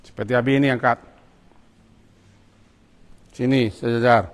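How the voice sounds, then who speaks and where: A man's voice: mid-range voice, steady tone, a little slow. A man, teaching students how to pray in a mosque, giving short commands and coaxing them along. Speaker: religious teacher. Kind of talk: hands-on prayer lesson for students. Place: mosque prayer hall. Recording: long mosque hall reverb.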